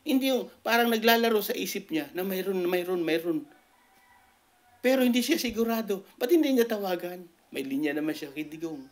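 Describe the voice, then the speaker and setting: A man giving casual political commentary as a vlogger, animated and repetitive, his voice jumping up in pitch when he makes a point. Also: quick pace, hardly any pauses. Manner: animated, repetitive, keeps asking "di ba?"; rises sharply in pitch when making a point.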